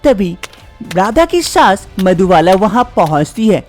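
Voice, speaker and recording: A man narrating an animated story in a scripted, expressive storytelling manner. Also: high-pitched, a little slow, faint music behind.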